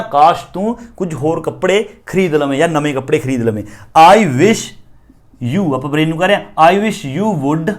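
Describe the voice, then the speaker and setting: A high-voiced man walks through an English grammar exercise, reading the example sentences slowly before explaining them.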